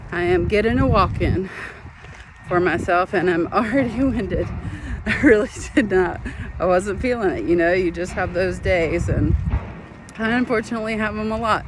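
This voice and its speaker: Chatty woman vlogging outdoors by traffic. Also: mid-range voice. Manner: chatty, self-deprecating, talks to viewers as friends. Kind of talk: casual vlog chat. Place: outdoors on a walk near traffic. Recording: outdoor traffic noise behind.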